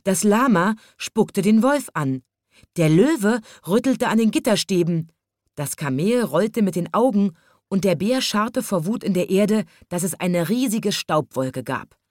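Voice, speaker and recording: A woman reading a children's story aloud with an expressive storytelling lilt. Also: medium pitch, unhurried, no echo, studio quality.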